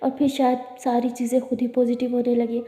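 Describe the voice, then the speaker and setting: A worried, protective young woman who fires off quick, anxious questions, as a woman storyteller plays her. She is pitched a little higher than the narration, with a dark and mellow tone. A long reverb trails each line. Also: monotone, close to an everyday voice. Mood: earnest.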